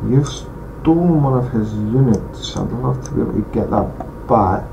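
A gaming channel host with a medium-pitched voice, slightly slow delivery and vocal fry casually thinks aloud while playing a strategy game and commenting on his moves. His regional accent, he notes, may be hard for some to follow, and his let's play is relaxed with mumbled asides. A dull lo-fi home mic adds loud hiss.

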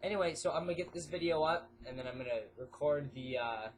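Speaking quickly in a fairly high male voice, a stuffy-nosed teenage boy chats casually at the webcam on his desk in his small bedroom. He rambles, fills the gaps with lots of fillers, and jumps between subjects, with slight noise in the background.

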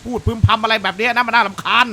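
A man's voice: very high voice, fairly even intonation, racing, sharp tone, slight background noise. Man reading as a grumpy old homeowner. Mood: irritated. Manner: irritable, grumbling, cursing.

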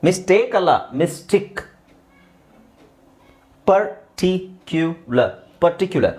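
Slow, drilling Kannada-accented English teacher. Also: mid-range voice, very animated. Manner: repeats each word slowly, then more quietly; switches to quick explaining asides.

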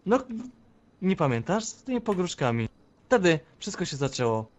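A scheming gang traitor, played by a man in online game role-play, taunting and confrontational. The voice sits a bit high for a man. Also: big pitch swings, moderate pace. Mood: gloating. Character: scheming male gang member who betrays his boss.

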